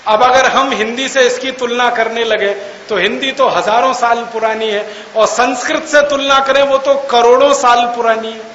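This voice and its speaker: At normal speed, a man with an extremely high, fairly bright voice and fairly even intonation addresses an audience. The recording is dull, with hall echo and faint hiss. He argues mockingly, asks rhetorical questions, and spells words out letter by letter.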